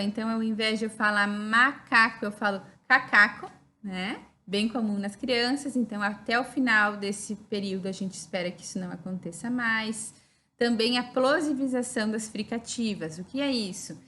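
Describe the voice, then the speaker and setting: In this recorded teaching lecture, a woman with a Brazilian Portuguese accent speaks in a fairly high, sharp-toned voice. She takes a didactic, step-by-step approach, frequently checking in with "né?".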